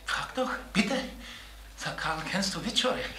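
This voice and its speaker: An actor playing an older stand-up entertainer, animated in his jokes and bitter when he is hurt. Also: high-pitched, unhurried, roomy sound, slight background noise, full character voice. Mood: joking. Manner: animated joke telling, then bitter and sharp. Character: aging entertainer, vain and touchy.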